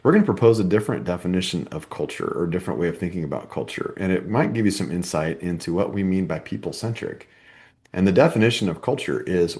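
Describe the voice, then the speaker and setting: Male podcast co-host, low voice, casual explainer who acts out anecdotes. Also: a little mellow. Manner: storytelling, lots of "right?" and "kinda", acts out coworkers.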